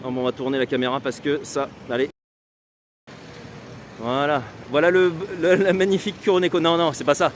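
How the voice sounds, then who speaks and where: A man's voice: on the high side, fairly even intonation, brisk, slight background noise. A man with a southern French accent hosting a casual live stream while walking outdoors, chatting and laughing often. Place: outdoors on city streets.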